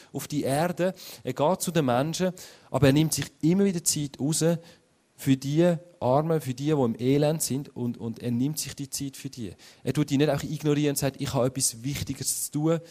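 A man's voice: fairly high pitch, mellow. A man preaching a sermon in a conversational way, often adding tag questions and acting out quoted speech.

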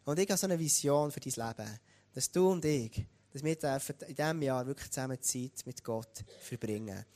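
A man with a Swiss German accent preaching a sermon, talking straight to the congregation in a lively way. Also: mid-range voice, normal speed. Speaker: pastor.

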